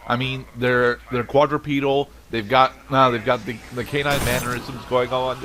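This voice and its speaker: A man hosting a let's play, commenting casually and explaining things in a halting way, repeating himself mid-sentence. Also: medium pitch, flat delivery. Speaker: let's play host, player.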